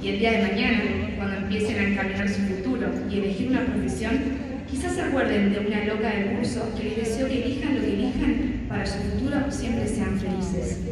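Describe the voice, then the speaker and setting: A woman's voice: medium pitch, brisk, a crowd in the background. A young woman, reading a heartfelt farewell speech at a lectern. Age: young adult. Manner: steady, heartfelt, reads from notes. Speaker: graduating student giving a farewell speech. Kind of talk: prepared speech read at a lectern. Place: large indoor hall, stage with crowd. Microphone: handheld mic, filmed from far in the audience. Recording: echoey hall from far off.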